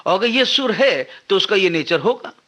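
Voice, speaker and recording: A man's voice: sits high, animated, moderate pace, bright, forceful tone. A male film actor, a guest on a radio interview, explaining his craft at length and acting out snatches of dialect.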